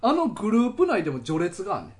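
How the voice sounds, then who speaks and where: A man's voice: high-pitched, wildly swooping pitch, rapid-fire, a little mellow. A man with a Kansai accent co-hosting a casual podcast chat, teasing his partner and laughing a lot. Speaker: podcast co-host.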